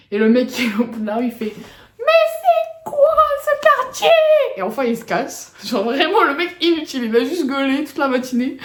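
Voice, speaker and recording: A woman's voice: a little high, a little mellow. A woman vlogger telling a story in a casual, slangy, rambling way. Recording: roomy echo.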